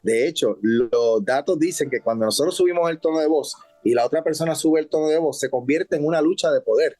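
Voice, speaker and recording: A man with a Puerto Rican accent, a counselor on a health talk show, explaining in a calm, measured way and often asking for agreement. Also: on the high side. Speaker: substance abuse counselor.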